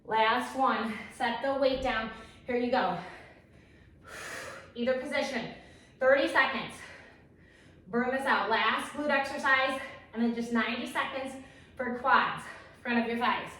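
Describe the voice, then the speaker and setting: Echoey, higher-voiced woman aerobics instructor. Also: unhurried, long pauses. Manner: encouraging, energetic coaching in short imperative cues. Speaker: fitness instructor leading a workout. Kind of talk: aerobics instructor cueing and counting down. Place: echoey room, exercising while talking. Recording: very echoey room, distant microphone.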